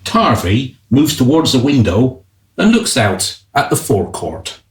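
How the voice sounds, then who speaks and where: In a comic radio play, a man takes the part of a wry royal groom who narrates the tale in a theatrical style. His medium-pitched voice swings widely and moves at an unhurried pace, with an echoing sound around it.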